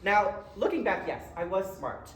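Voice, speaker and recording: A keynote speaker from the Philadelphia area speaks in a college event room with a high, sing-song, fairly bright voice at normal speed. His personal speech is conversational, full of short dramatic phrases and wry asides, in a Philadelphia accent. The sound is roomy, picked up by a distant mic with faint noise.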